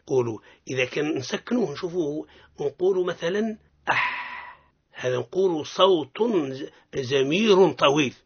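A man with a Tunisian accent teaching Quran recitation on the radio. He explains step by step and models sounds slowly for listeners to repeat. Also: fairly high pitch, lively intonation, vocal fry, husky. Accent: Tunisian Arabic. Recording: dull lo-fi radio recording.

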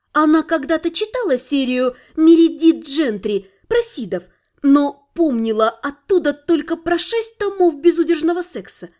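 A woman reading an audiobook, telling the story with lively irony. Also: high-pitched. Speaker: audiobook narrator. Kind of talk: scripted narration.

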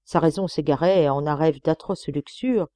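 A woman reading a novel aloud as an audiobook narrator, in an expressive, measured storytelling manner. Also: low-pitched, dry recording. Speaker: audiobook reader.

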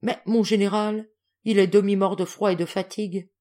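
A woman doing a kindly, steady gentleman. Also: high voice, normal speed, lightly acted. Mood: respectful. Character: calm, kindly gentleman helping a stranger.

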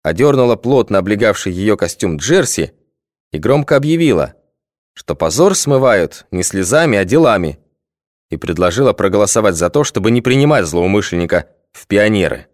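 A man narrating an audiobook in a measured, literary reading. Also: fairly low pitch, sing-song, no room sound, studio quality. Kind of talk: scripted narration.

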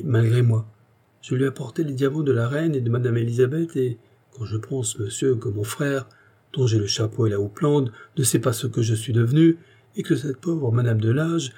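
A man's voice: mid-range voice, warm tone, slightly rough, lightly acted. A man voicing a flustered, fussy royal hairdresser who talks in a frantic, wailing rush, in an audiobook reading. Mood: distraught.

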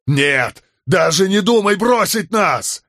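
A man voicing a desperate, defiant aging warlord prince who pleads and shouts at the sky. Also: sits low, expressive, slow pace, husky, dry recording, studio quality, heavily acted.

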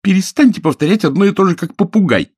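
Guy putting on a feisty young woman, higher husky voice, snaps back fast, bounces around a lot. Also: expressive, no echo, studio quality. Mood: exasperated. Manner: sharp, exasperated retorts. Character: spirited young woman, quick-tempered heiress.

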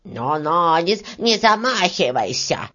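A woman voicing a stingy, spiteful old female ground beetle with a shrill, squeaky voice, for a storybook reading. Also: sing-song, slow, a bit bright, full character voice. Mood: shrill outraged. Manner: scolding, snappish. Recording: dull lo-fi recording.

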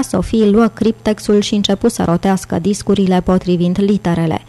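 A woman narrating an audiobook in a steady, measured reading. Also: medium pitch. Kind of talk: scripted narration.

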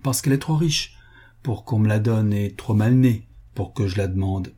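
A man's voice: on the low side, moderate pace, dark tone, husky. A man reading an audiobook voices an impertinent young aristocratic duke with a whistling hiss in his speech.

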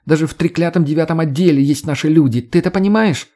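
A man's voice: fairly high pitch, fast, mellow, voice pushed up, close to an everyday voice. A man voicing a sly, teasing young redheaded woman who swears and mocks in an audiobook. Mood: mocking.

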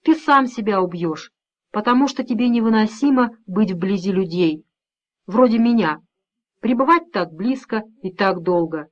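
A woman voicing a middle-aged father who stays calm and firm, speaking steadily with quiet menace. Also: medium pitch, normal speed, muffled recording, lightly acted.

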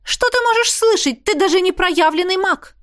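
A woman putting on a shrill fussy teacher. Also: expressive, moderate pace, a bit bright. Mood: mocking. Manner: strict, scolding, squealing. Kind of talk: audiobook character voice.

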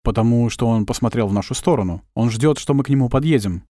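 A man voicing a young male agent in his twenties who asks plain, earnest questions at an unhurried pace. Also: mid-range voice, dark tone, dry recording, studio quality, lightly acted. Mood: curious.

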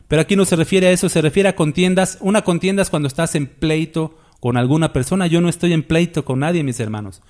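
A man's voice: a little high, a little mellow. A man preaching a sermon, emphatic and full of rhetorical questions to the congregation.

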